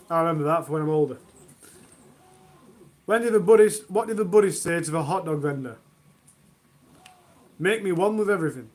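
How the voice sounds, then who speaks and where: A man hosting a long charity livestream from home, reading out corny jokes and mocking them himself. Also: sits high. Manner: self-mocking, groans at own jokes. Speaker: livestream host.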